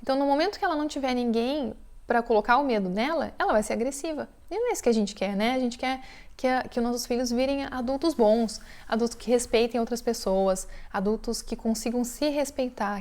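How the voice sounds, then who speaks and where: A woman's voice: fairly high pitch, a little fast, a little mellow. Brazilian woman teaching mothers conversationally. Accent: Brazilian Portuguese. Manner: conversational, with frequent tag questions and acted-out quotes. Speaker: parenting course teacher. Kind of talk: casual spoken lesson to mothers.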